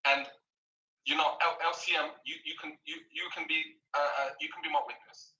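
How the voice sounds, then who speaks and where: A man's voice: a little high, sing-song, brisk, bright, forceful tone, lo-fi sound. A man on a live panel making an insistent, argumentative case. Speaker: panel caller. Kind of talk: heated debate. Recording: echoey and distant.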